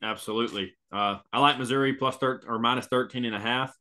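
A man's voice: medium pitch, fairly even intonation, fast, sharp tone. A man co-hosting a college football podcast, talking emphatically and repeating himself. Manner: emphatic, repeats words, says "man" often. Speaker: podcast co-host. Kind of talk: casual sports talk.

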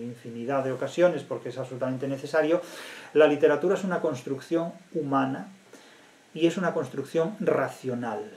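A man's voice: medium pitch, vocal fry, darkish tone. Emphatic man lecturing in an echoey room. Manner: emphatic, repetitive, deliberate with pauses. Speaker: literature professor. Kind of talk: lecture on literary theory.

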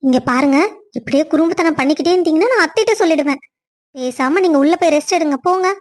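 A woman's voice: high voice, fast, natural voice. A woman voicing a cheerful, teasing young wife in a cartoon family story.

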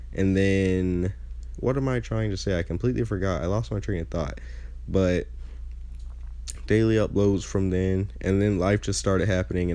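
Over his gameplay, a young man from a gaming channel talks casually in a fairly low, slightly mellow voice without echo. Congestion leaves him nasal and stuffy, and he tends to lose his train of thought.

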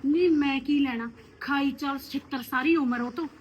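An actress playing a sharp-tongued neighbor woman who scolds and gives blunt advice. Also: sits high, normal speed, slight background noise, natural voice. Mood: scolding. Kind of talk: rural family drama.

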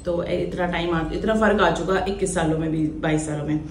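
A woman in her thirties chatting casually in a home vlog, talking to viewers and scolding her pets in a high, loud voice. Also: a little fast, echoey room. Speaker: vlogger.

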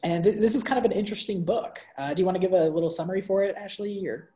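This young man's voice is high-pitched and racing as he co-hosts a book review on a video call, gesturing animatedly. Casual and restart-heavy, his speech is full of fillers. The laptop mic in his bright home room catches a roomy echo.

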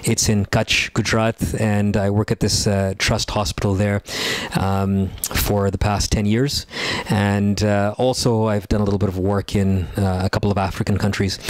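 Man, Canadian with slight Indian lilt, lower voice, dry recording, earnest lecture, frequent pauses. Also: no room sound. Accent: Canadian English with a put-on Indian lilt. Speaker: doctor giving a lecture. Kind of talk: recorded slide presentation.

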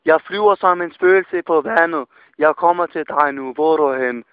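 A man making a prank phone call, deadpan and nonsensical, repeating himself. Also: a little high, clean tone. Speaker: prank caller. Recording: tinny phone line.

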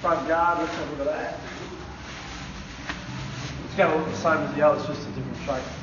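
A man's voice: fairly high pitch, brisk, far from the mic. A middle-aged Australian man chatting cheerily as he unboxes parts in a motorcycle shop. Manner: excitable, cheery whoops. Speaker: shop owner and channel host. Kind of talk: casual unboxing chat. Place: motorcycle shop showroom by open doors. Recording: roomy, muffled, with loud background noise.

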